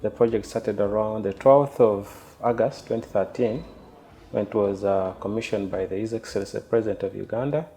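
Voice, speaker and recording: A man project official speaking formally and in a measured way in a documentary interview. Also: lowish voice, fairly even intonation, dark tone.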